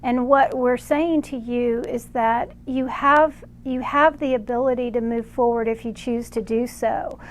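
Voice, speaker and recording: A woman with a slightly high voice delivers channeled spiritual guidance. She talks slowly and deliberately, pausing between phrases. She refers to herself as "we" while she relays it. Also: steady tone. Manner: slow, measured, speaks as "we" for unseen guides.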